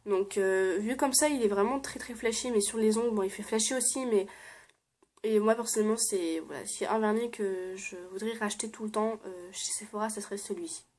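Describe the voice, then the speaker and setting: A woman's voice: medium pitch, a little fast. A young woman chatting casually as she shows things to her viewers, with many fillers and frequent laughs. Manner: chatty, many "euh" fillers, laughs often, drops to soft murmurs. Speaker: beauty vlogger. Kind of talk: casual show-and-tell vlog.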